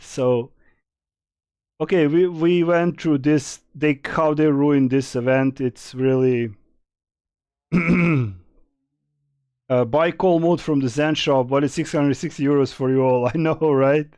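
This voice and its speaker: A young man chats slowly with his stream audience, answering questions in a loose, rambling way. His voice is smooth and clear, and the sound is dry and close with no room echo. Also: mid-range voice, a little mellow. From Serbia. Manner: rambling, many fillers and restarts, reading chat aloud. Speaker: game streamer. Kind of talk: casual live-stream Q&A.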